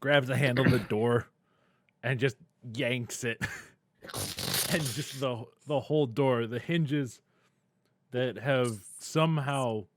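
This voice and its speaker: A man's voice: medium pitch, dry recording. Man narrating as game master, dry mic. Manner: rambling, laughs between lines.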